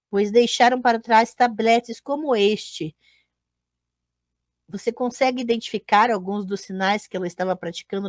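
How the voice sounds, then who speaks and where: A woman gives a live online lecture at an unhurried pace. She explains patiently, corrects herself and keeps checking that her listeners are following. Her voice sounds dry and close, with no room echo. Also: medium pitch. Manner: explanatory, with frequent checking tags and self-corrections. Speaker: teacher and podcast host.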